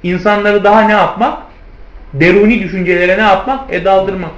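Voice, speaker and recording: Speaking a little fast in a high, even tone, a man delivers a lecture on hadith commentary. He refers to his listeners as friends and answers his own rhetorical questions throughout. It's a roomy recording with a somewhat dull sound.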